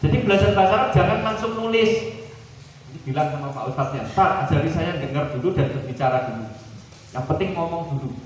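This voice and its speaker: Male seminar speaker, Javanese accent, slightly high voice, playful and animated, miked from afar in a reverberant hall. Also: fast talker, a little hiss or hum. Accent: Javanese-tinged Indonesian. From Central Java, Indonesia. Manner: joking, animated, drops into playful mock dialogues. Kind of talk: lively seminar talk. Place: large hall at a boarding school. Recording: echoey hall recorded from far off.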